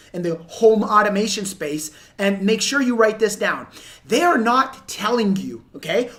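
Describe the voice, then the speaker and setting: A woman giving unscripted instructional commentary to viewers as a sales coach, emphatic and repeating key points. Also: mid-range voice. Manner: emphatic, repeats points, acts out example dialogue. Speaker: sales coach and video host.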